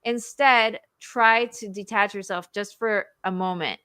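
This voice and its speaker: A woman hosting a live interview in a casual, animated way, acting out inner voices as she talks. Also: mid-range voice, measured pace, smooth, no echo, studio quality. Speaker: show host, marriage coach.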